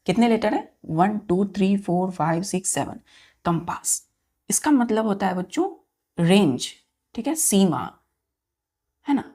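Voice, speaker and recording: A woman teacher leads an exam-prep grammar lesson at a middle pitch. She spells words out one letter at a time, repeats each key term, and keeps turning to her students with quick questions. She addresses them as children. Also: animated, dark tone.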